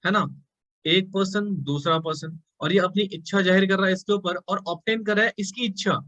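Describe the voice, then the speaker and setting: Indian male tutor, high voice, dull lo-fi class recording, pushes students to answer. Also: a bit bright, dry recording. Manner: mixes Hindi and English, coaxing students to answer, calls them beta. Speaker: teacher. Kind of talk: online class lecture. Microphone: live class recording. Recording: dull lo-fi sound.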